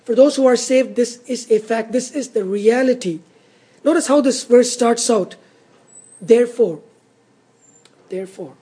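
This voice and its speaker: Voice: medium pitch, normal speed, warm tone, breathy edge. A pastor preaching an expository sermon in an earnest, teacherly way, repeating key words for emphasis.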